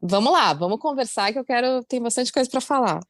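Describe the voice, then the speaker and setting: A woman's voice: on the high side, expressive, fairly quick, dry recording, clean studio sound. A woman journalist from Curitiba giving podcast interview answers in a thoughtful way, with frequent fillers and restarts, while recovering from vaccine side effects. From Brazil, Curitiba. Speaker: guest journalist, foreign correspondent.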